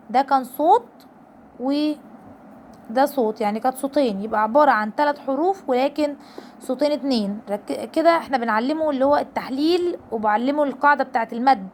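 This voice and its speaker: Egyptian woman teacher, high quick voice, patient, draws out syllables when showing sounds. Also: a little mellow, a little hiss or hum. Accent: Egyptian Arabic. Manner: patient explaining, drawn-out demonstration syllables. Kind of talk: home-teaching lesson for parents.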